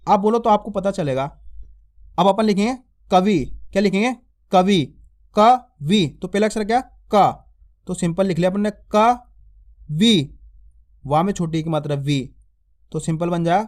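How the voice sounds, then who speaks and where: A man with a fairly high voice teaches beginners to read, patiently breaking words into syllables and saying each one slowly. He repeats every word and keeps checking that the listener follows along. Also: darkish tone. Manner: draws out syllables and stresses sounds when spelling. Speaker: Hindi reading teacher. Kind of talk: slow spelling lesson for beginners.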